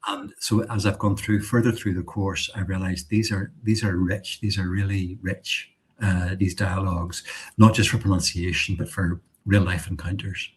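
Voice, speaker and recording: An Irish man answers as a student guest in a casual interview. His voice is fairly low, and he speaks thoughtfully, halting now and then to restart. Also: level tone, slightly rough.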